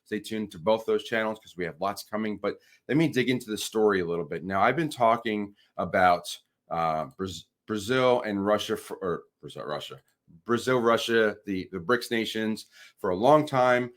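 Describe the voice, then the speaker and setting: A man's voice: fairly low pitch, moderate pace. A man hosting a crypto channel, reading news articles aloud with wry asides and frequent restarts.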